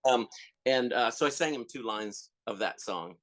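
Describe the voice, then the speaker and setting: A man's voice: mid-range voice, moderate pace. A man guest in a casual interview, telling stories animatedly, with lots of restarts, fillers and laughter. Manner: rambling, with many restarts and fillers; animated storyteller who laughs often. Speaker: filmmaker and comedian guest.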